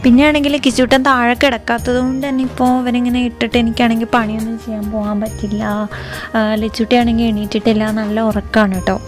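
A woman, a mother vlogging her day in a chatty way, trailing off with soft tag words and coaxing her little son in sing-song baby talk. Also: on the high side, little pitch movement, fast talker, faint music behind. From Kerala, India. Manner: chatty, repeats soft tags like "kettoo". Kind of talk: casual vlog narration.

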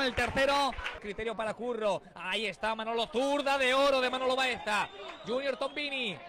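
A man with an accent from Spain gives breakneck, excited, impassioned football goal commentary, rattling through play and bursting into drawn-out repeated shouts. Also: very high voice, heavy background noise. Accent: Spanish from Spain.

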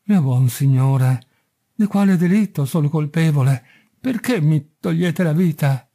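A man voicing a frightened male merchant in a storybook reading, pleading slowly with a tremble. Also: a little high, animated, gravelly, mellow. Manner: slow, trembling pleas.

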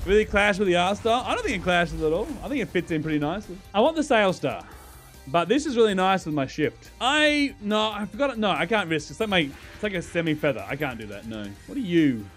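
Brief: gaming streamer guy, animated, jumpy pitch, faint game music behind. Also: brisk. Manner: excitable, swears often, laughs a lot, talks to chat. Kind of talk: casual gameplay commentary.

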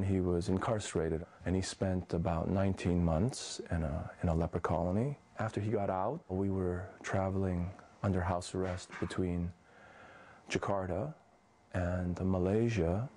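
A man in his fifties, born in Indonesia, slowly reading his poems and talking about his life in a measured, thoughtful way. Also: low voice, fairly even intonation, mellow. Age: 50s. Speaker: poet. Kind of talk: poetry reading and personal account.

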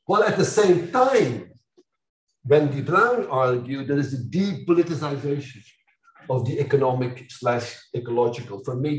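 An older man from Belgium lectures to a room of students, sliding from dry irony into loud outbursts. His pitch sits in the middle of the male range. The recording comes from a distance, and the hall echoes around him. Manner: animated, ironic, mocking asides with sudden loud outbursts. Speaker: university lecturer. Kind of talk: academic lecture.

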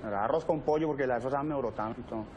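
A man's voice: mid-range voice, quick pace, background noise, lightly acted. A man playing a brash comic small-town comedian. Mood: fussy. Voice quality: brash, joking, shifts to silly baby talk. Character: boastful comic middle-aged male rural comedian. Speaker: stand-up comedian character. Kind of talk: comedy film acting.

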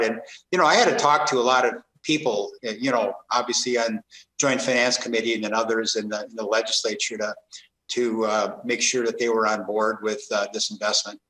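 A middle-aged man speaking as a state senator on a panel during a video call, answering haltingly with many fillers. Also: lowish voice, bright, forceful tone. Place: home office. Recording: echoey room.

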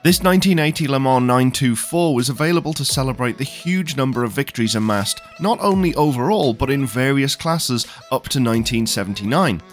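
A man's voice: medium pitch, expressive, fairly quick, few pauses. A man giving a scripted voice-over about cars at a show, enthusiastic and knowledgeable. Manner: enthusiastic, knowledgeable car commentary. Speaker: car show presenter. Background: faint background music.

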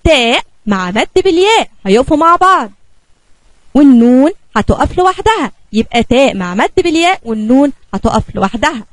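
A woman with an Egyptian Arabic accent teaching a kindergarten spelling lesson, slowly drawing out letter sounds for young children. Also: sits high, very animated, no echo.

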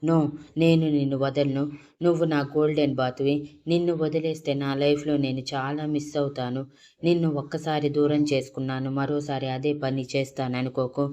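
A possessive young woman who begs and then vows to hold on, delivered in a flat, level tone, as a woman storyteller puts her on. It sounds like an audio storybook reading. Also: deep voice, normal speed, highs cut off, natural voice. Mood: fierce. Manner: pleading, then fierce.

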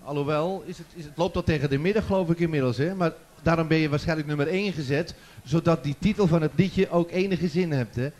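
It's live stage hosting: a man running a children's song contest in a big festival tent teases and jokes with the crowd through a handheld mic. His voice is on the high side and a little mellow, and he talks fast.

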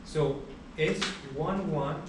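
A young man giving a university lecture in a large hall, explaining steadily with many pauses and uh fillers. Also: fairly high pitch. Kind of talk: classroom lecture. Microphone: far camera at the back of the room. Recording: echoey hall recorded from far off, background hiss.

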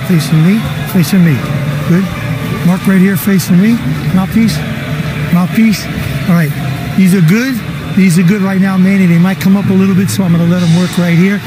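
A man's voice: high-pitched, fairly even intonation, normal speed, background noise. A man giving curt, commanding pre-fight instructions as a boxing referee. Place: boxing ring in an arena.

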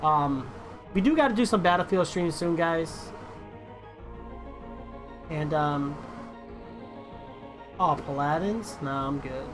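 Slow and animated, with long pauses, this man has a voice on the high side. He's in his thirties, chatting casually and chummily with viewers in slang like a gamer bro as he plays on a live stream. The setting is an indoor room at a streaming setup, with music behind him.

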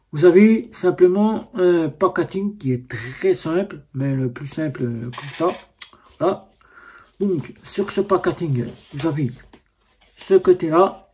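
Un homme à l'français au timbre légèrement voilé commente un déballage sans préparation. Ses phrases sont hésitantes et pleines de reprises, sur un ton décontracté. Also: male voice, fairly high pitch, dark tone, husky. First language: French. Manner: hesitant, many fillers and restarts. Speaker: vlogger reviewing a bank card. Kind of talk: casual unboxing talk.

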